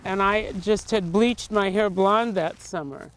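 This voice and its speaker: A man's voice: sits high, measured pace, fairly bright tone, clean tone, low-quality recording. A man chatting cheerfully outdoors on nature trails, talking to the camera and to himself. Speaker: interviewee, trash-collecting nature lover. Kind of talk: casual chat outdoors.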